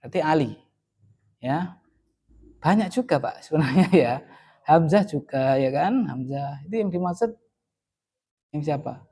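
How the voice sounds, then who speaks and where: Male classroom teacher, slightly high voice, chatty and easygoing, keeps checking in with students. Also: expressive, unhurried, pauses often, warm tone, husky. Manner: chatty, often adds "ya kan?" and "kayak gitu". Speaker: Arabic grammar teacher. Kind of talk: casual classroom lesson with Q&A.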